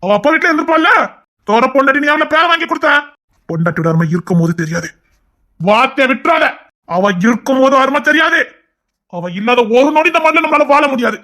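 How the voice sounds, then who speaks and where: A man playing a hot-tempered, sharp-voiced husband. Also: very high voice, lively intonation, fast, full character voice. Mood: stern. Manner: sharp, commanding, threatening. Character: hot-tempered young husband, stern and scolding. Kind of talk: audio drama acting.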